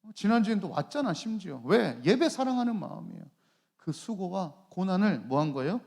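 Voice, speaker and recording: A man in his forties preaches to a youth group with a fairly high voice. He keeps tossing questions to the listeners and answering them himself. He teases the young people by name in a playful way. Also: very animated, brisk, creaky, darkish tone, breathy edge. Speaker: youth pastor.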